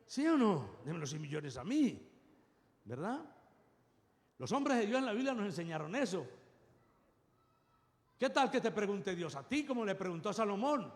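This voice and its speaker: A man preaches in an animated style, his voice sitting high and leaping up and down. He keeps pressing the congregation with quick rhetorical questions. The sound carries a long reverb from the church hall. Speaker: pastor. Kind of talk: sermon.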